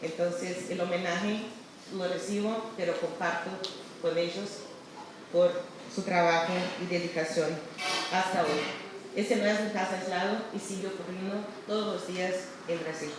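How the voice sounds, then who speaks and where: A woman with a Brazilian accent gives an acceptance speech in Spanish blended with her native Portuguese. She pauses and rephrases often. The sound is distant and heavily reverberant, with clear noise behind her. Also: lowish voice, steady tone. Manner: halting, with hesitations and self-corrections. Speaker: award recipient. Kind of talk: acceptance speech, semi-improvised. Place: large echoey room at a ceremony. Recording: distant, very echoey hall, background noise.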